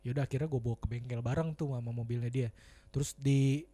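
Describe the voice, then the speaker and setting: A man on a podcast retelling a road mishap in quick, offhand slang. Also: medium pitch, steady tone, mellow. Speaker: comedian podcast guest. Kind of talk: casual storytelling chat.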